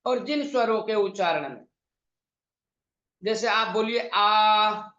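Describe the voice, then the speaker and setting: Male tutor, high-pitched and slow-paced, long-drawn vowels, echoey room. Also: animated, fairly bright tone. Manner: recites verses in a chanting lilt. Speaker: teacher. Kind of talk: online exam-prep lesson. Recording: echoey, slightly dull sound.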